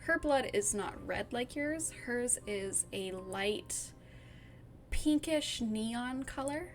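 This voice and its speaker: A woman narrating as game master of a tabletop role-playing game, soft-spoken and often laughing. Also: on the high side, expressive, slow pace, a little hiss or hum.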